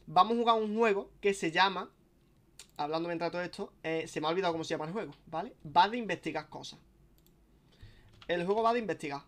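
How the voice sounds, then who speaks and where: A young man talks on and on during a casual live stream, his voice somewhat high for a man and his delivery fast. He restarts sentences often and swears casually.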